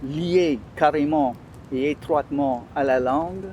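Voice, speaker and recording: A man's voice: on the high side, measured pace, mellow, highs cut off, slight background noise. A man with a Louisiana French accent talking in an interview, hesitating often as he searches for words. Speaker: interview guest. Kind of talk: conversational interview.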